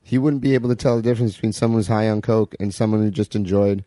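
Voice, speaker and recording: A man's voice: fairly low pitch, steady tone, rapid-fire, warm tone, no echo. A laid-back man from Canada as a podcast guest, joking casually in slangy talk in a small room.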